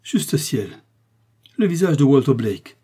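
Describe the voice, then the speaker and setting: A man's voice: mid-range voice, normal speed, warm tone, husky, natural voice. A man voicing a nervous aging woman servant who trembles and sobs as she pleads. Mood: distraught. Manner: trembling, sobbing pleas.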